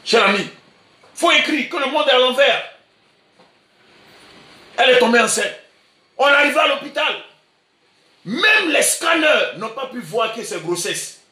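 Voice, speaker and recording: A male pastor with an Ivorian French accent, preaching emphatically and repeating himself, sometimes breaking into shouts. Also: very high voice, lively intonation, unhurried, long pauses, distant mic. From Côte d'Ivoire. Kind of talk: sermon. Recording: echoey room, voice from afar.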